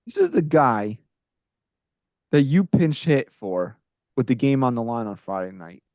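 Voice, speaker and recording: A man's voice: medium pitch, big pitch swings, unhurried, dry recording, studio quality. Man on a mic that keeps cutting out. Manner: blunt, swears, gets loud when worked up. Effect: mic cutting out, uneven volume. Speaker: sports podcast co-host. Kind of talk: heated casual chat. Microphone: video call camera mic.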